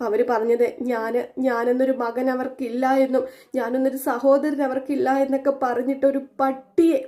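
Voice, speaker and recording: Woman reading a distraught young husband, sobbing and self-blaming, quick and mellow. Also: sits high, voice pushed up. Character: grieving young man crying to his wife.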